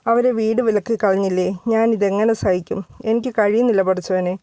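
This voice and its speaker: A woman's voice: mid-range voice, fairly even intonation, moderate pace, dark tone, dry recording, lightly acted. A woman voicing a middle-aged mother lamenting through tears, in a storybook reading.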